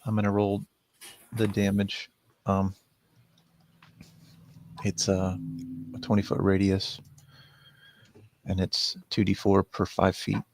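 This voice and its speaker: A male tabletop player speaks in a low, gravelly voice, extremely flat in pitch. He casually reports dice rolls and moves. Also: takes it slowly, long pauses. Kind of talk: casual tabletop game talk.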